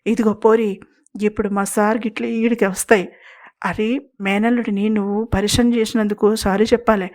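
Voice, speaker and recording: A woman's voice: mid-range voice, little pitch movement, normal speed, darkish tone, lightly acted. Lady playing a mean gang boss, curt threats. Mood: menacing. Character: harsh male gang boss, menacing.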